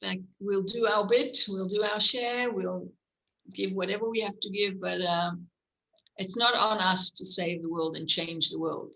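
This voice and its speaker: A woman's voice: mid-range voice, a little slow, poor audio. A woman telling stories with lots of fillers. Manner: animated storyteller, acts out her own quoted lines; many fillers and restarts. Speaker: medical clown. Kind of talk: interview, storytelling.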